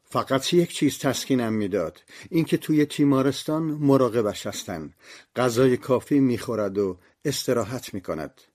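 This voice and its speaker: A man's voice: mid-range voice, animated, a little mellow. Somber man narrating an audiobook. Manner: somber, reflective. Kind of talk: scripted literary narration.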